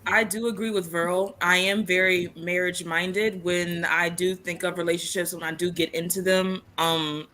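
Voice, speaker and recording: A woman's voice: on the low side, level tone, normal speed, hardly any pauses, sharp tone. Earnest twenty-year-old woman. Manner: thoughtful, earnest. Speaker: guest.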